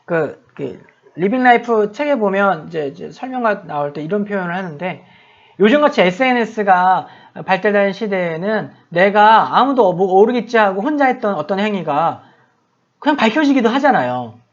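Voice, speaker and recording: A man's voice: high voice, expressive, normal speed. Storytelling male pastor, lo-fi sound. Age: middle-aged. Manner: conversational, self-deprecating storytelling. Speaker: pastor and missionary. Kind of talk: sermon with personal story. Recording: dull lo-fi sound.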